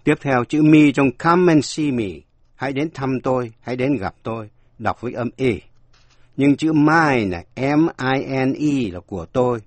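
A man's voice: medium pitch, normal speed. A man giving a scripted radio language lesson, explaining word meanings and spelling words out letter by letter. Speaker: language teacher.

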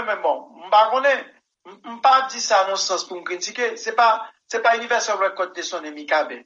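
Casting: man, musician guest, high and very bright voice, rambling and emphatic, dull lo-fi recording. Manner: rambling, emphatic, keeps saying "mon cher". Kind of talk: interview answers.

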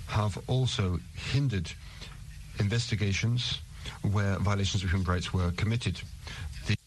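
A man with a fairly low voice interprets live at a council session. His delivery is halting, broken by pauses and filler sounds while he keeps pace with the original speaker. A faint noise sits under the voice. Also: fairly even intonation, low-quality recording. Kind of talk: simultaneous interpretation.

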